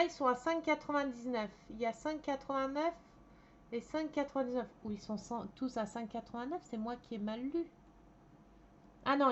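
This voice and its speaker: A woman casually chatting through an unboxing at home, enthusiastic and often pausing to search for words. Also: a little high. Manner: chatty, enthusiastic, with frequent hesitations. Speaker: vlogger reviewing a purchase. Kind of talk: casual unboxing and screen walkthrough. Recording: slightly muffled home recording with faint background noise.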